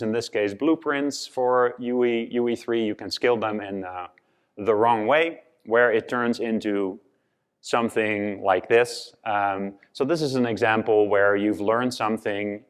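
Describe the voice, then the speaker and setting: A Dutch man from the Netherlands gives a conference presentation, filling it with many fillers and restarts. His mid-range voice is clear and resonant.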